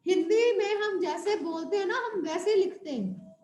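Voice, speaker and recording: A woman teacher giving a Hindi lesson to young pupils. She recites word lists slowly and stretches the words, then explains more quietly, checking with the class as she goes. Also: extremely high pitch, slight background noise. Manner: addresses pupils as children, checks with "right?". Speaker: school teacher. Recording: roomy echo.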